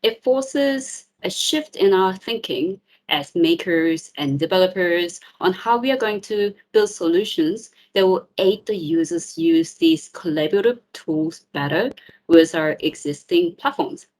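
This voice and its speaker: A friendly woman in her thirties gives a presentation at an online tech meetup. She sounds upbeat and a little informal, with the odd um along the way. Her voice sits slightly low for a woman. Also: lively intonation, a little slow, a little mellow. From South Korea, raised in New Zealand. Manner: friendly, upbeat, with filler ums. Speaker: tech community speaker. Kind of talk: presentation talk.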